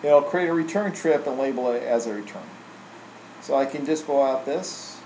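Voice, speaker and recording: A man with a mid-range voice at normal speed narrates a casual software tutorial, informal and trainer-like, regularly ending lines with "right?". He's recording a screen-capture voice-over in an indoor room, and there's roomy echo plus a faint air-conditioning hum.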